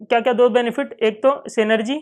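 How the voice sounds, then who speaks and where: A man's voice: very high-pitched, fairly even intonation, fairly quick, darkish tone. A man with an Indian accent lecturing in a Hindi-English classroom, asking and answering his own questions and repeating key points. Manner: acts out students' questions in dialogue. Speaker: finance lecturer.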